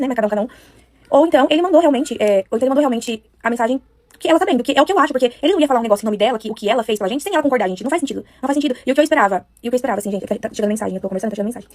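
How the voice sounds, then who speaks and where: A Brazilian woman talks at breakneck speed, her voice sitting a little high and sounding upset as she circles back over the same points. The sound is close and dry, with no room echo, as she vents to her followers from home. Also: a little mellow. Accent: Brazilian Portuguese. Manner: upset, rapid, repeats herself for emphasis. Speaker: influencer talking to followers. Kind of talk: casual venting to camera. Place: at home, indoors.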